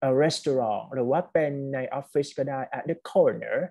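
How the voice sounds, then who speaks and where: A man with a Thai accent teaching an online English test class, mixing Thai with English and reading test lines slowly. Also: mid-range voice, gravelly, mellow, breathy edge, lo-fi sound.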